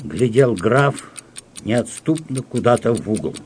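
A man's voice: medium pitch, lively intonation, a little slow, darkish tone, slight background noise. A man reading a comic story aloud with melodramatic delivery, acting out the dialogue. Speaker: narrator.

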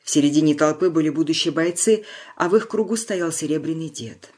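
Narrator: mid-pitched, measured storytelling, reads a war-era tale. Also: darkish tone, husky. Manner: measured storytelling, slowing on solemn lines. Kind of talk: scripted narration.

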